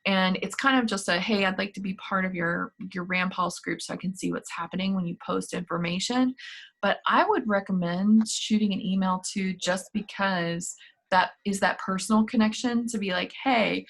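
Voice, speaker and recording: Woman hosting a video call, chatty and upbeat, cheering people on, mid-pitched voice. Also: moderate pace, creaky, a bit bright. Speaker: student activities staff host. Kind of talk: casual virtual meeting talk.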